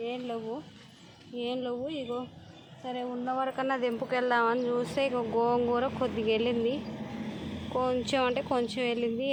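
A woman with a high voice walks through farmland for her vlog and chats about what she passes. She often breaks off and restarts her words. Loud outdoor noise from animals and passing traffic runs under her voice. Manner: chatty, points things out as she walks, with frequent restarts. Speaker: vlogger. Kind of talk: casual walking tour vlog. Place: outdoors on farmland beside a road.

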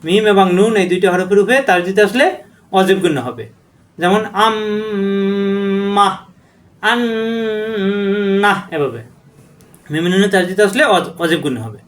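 High-voiced man teaching letter recitation. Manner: drawn-out chanted letter names with short spoken explanations. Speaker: Quran reading teacher.

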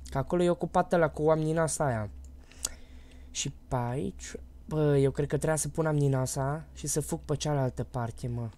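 A Romanian man streaming a horror game live, chatting casually and bursting into loud, panicky repeated shouts. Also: fairly high pitch. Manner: panicky, loud outbursts and rapid repeated words. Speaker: gaming streamer.

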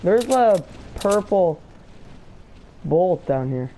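A man's voice: high voice, big pitch swings, very slow, warm tone, a little hiss or hum, rough recording. A man chatting casually with his squad, giving short callouts while playing a video game. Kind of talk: casual squad gameplay chat.

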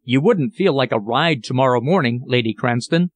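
A man doing an awkward, wistful gentleman. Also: medium pitch, animated, lightly acted. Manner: awkward, halting.

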